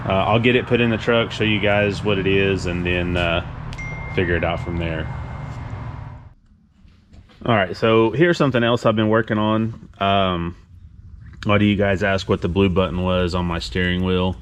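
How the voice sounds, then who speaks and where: In an indoor vehicle workshop garage, a laid-back, plain-spoken car builder hosts a shop update, talking casually as he shows truck parts for a vlog. His low voice has fairly even intonation and a moderate pace with frequent pauses, and there's a little hiss or hum.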